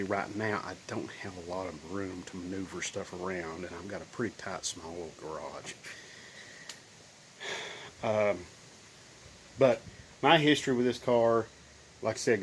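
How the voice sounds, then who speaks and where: A low-voiced man in his fifties, nasal and sick with bronchitis, rambles about his old car in a folksy casual vlog, with lots of ums, restarts and long pauses at a normal speed. He films himself on a phone held at arm's length in his cluttered home garage, and there's slight background noise.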